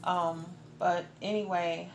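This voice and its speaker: Taking it slowly, a woman in her forties vlogs from her home kitchen in a fairly low voice with fairly even intonation, over a little hiss or hum. She speaks casually and directly to her viewers, emphatic and repeating words for emphasis, into a camera or phone placed before her.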